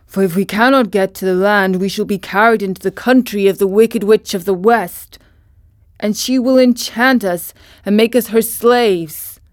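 A woman voicing an anxious male tin man in a storybook reading, louder and with a changed timbre. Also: mid-range voice, normal speed, dry recording, clean studio sound, close to an everyday voice. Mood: worried.

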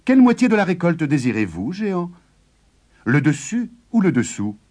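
A man's voice: fairly high pitch, big pitch swings, normal speed, a little mellow, pitched above the performer's own voice. A man voicing a clever, practical farmer's wife in a storybook. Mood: shrewd.

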